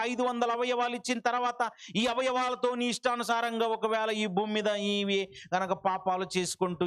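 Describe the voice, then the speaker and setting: A middle-aged man preaching a fiery sermon, swinging from loud high cries to low hushed warnings and repeating his phrases for effect. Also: clear, resonant tone. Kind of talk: impassioned revival sermon.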